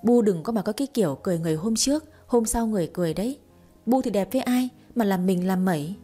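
A feisty young wife full of quick, teasing retorts, as a woman narrator puts her on. Her tone is mellow and a little breathy. Faint music plays behind the storybook reading. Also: medium pitch, animated, lightly acted. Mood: sassy. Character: feisty young wife, sharp-tongued and scheming.

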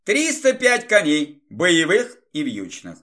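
Man reading weary woman housekeeper, audiobook, businesslike, lively pitch. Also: takes it slowly, exaggerated voice. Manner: matter-of-fact, businesslike. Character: tired woman housekeeper giving a report.

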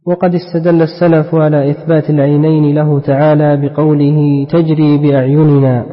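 Man reading aloud in a lesson, flat delivery, slightly high voice, echoing hall. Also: brisk. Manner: reads steadily, repeating phrases when asked. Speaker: student reading the text aloud. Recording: dull lo-fi sound in a reverberant hall.

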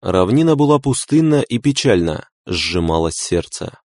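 A man narrating a novel in a steady, unhurried reading. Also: fairly low pitch, no echo, studio quality. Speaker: audiobook narrator. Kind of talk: scripted narration.

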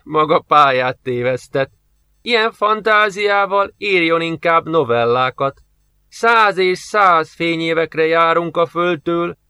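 A man's voice: pushed and bright, clean tone, dry recording. A man doing a fussy, lecturing old scientist. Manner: lecturing, drawn-out, high-pitched.

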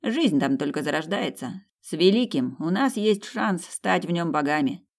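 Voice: mid-range voice, lively intonation, normal speed, gravelly. Reader voicing an eager, devoted fire-mage servant.

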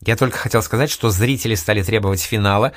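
A man's voice: lowish voice, fast, fairly bright tone, no echo, close to an everyday voice. Man voicing a timid young servant, apologetic, audiobook, dry.

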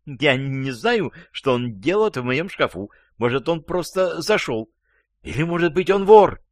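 Shrill, panicky young wife as a man reads her: whiny, pleading, high and dry. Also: animated, normal speed, a little mellow, no echo. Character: frightened shrill unfaithful wife, young adult.

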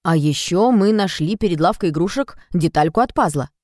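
A woman's voice: on the low side, lively intonation, fairly quick, warm tone, no echo, clean studio sound. A woman voicing a cheeky, teasing young boy in a storybook, with emphatic lines. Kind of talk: storybook reading.

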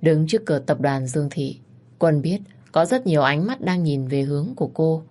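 A woman narrating a romance story as a storyteller, in a steady, even manner. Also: sits low, moderate pace.

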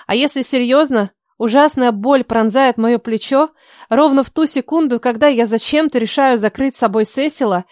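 A woman's voice: fairly high pitch, a little mellow, dry recording, clean studio sound. A woman narrating a first-person audiobook in a wry, ironic manner.

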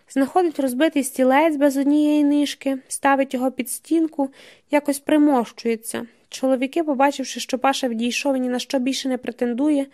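A woman narrating an audiobook in a measured, even storytelling manner. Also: a little high.

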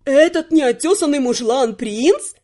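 A woman's voice: sits high, moderate pace, warm tone, natural voice. Woman doing a drawling affected couturier. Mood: scornful. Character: flamboyant theatrical male couturier, jealous.

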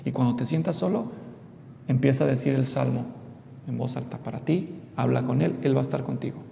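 Speaking a little fast, a middle-aged pastor with a gravelly, mellow voice preaches an expository sermon, addressing the congregation directly and weaving in family stories. The church hall recording is echoey with a faint rumble underneath.

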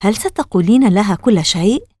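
A woman's voice: mid-range voice, expressive, a little fast, dark tone, no room sound, natural voice. A woman voicing a frightened young boy who asks anxious, pleading questions. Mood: worried.

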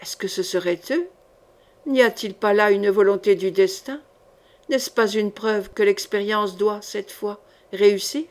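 A woman reading an audiobook, voicing a scheming male sorcerer who mutters low and ominously. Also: fairly even intonation, measured pace, darkish tone, lightly acted. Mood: hushed hope.

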